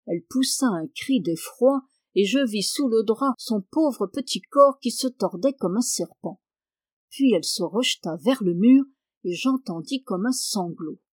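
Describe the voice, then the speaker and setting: A woman narrating a classic novel as an audiobook, in a measured, expressive reading. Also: fairly high pitch, no room sound. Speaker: audiobook reader.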